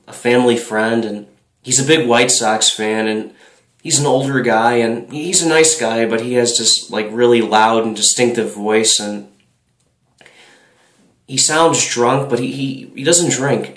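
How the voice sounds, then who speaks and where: A man casually introducing his own comedy character voice, hesitant and pausing often. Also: mid-range voice, fairly bright tone, roomy sound. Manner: hesitant, full of pauses. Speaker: comedy video maker.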